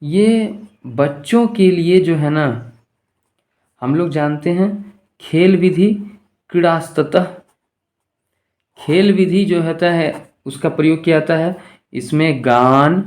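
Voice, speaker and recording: A man teaching an exam-prep lesson. He reads each Sanskrit question aloud and explains it in Hindi, asking the class questions as he goes, sometimes drawing words out slowly and sometimes speeding up. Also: on the high side, darkish tone. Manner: pace swings between slow, drawn-out words and quick runs. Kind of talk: exam-prep lesson going through multiple-choice questions.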